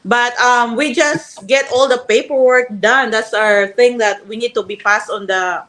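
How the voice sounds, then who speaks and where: A woman from Cebu with a Filipino accent, a guest telling her story in lively, simple, broken English. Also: a little high, unhurried. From Philippines (Cebu). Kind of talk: casual storytelling interview.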